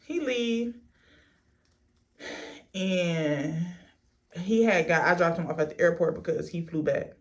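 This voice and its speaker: A woman vlogger chatting casually through a storytime as she gets ready, blunt and sassy, swearing freely in a stop-and-start delivery. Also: lowish voice. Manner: unhurried stop-and-start delivery while doing a get-ready-with-me.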